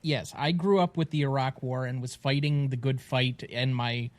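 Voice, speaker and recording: A man co-hosting a podcast in casual, wry conversation. His voice sits at a middle pitch. He talks in an easy, chatty way. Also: fairly even intonation, normal speed. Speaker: podcast co-host. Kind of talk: casual chat.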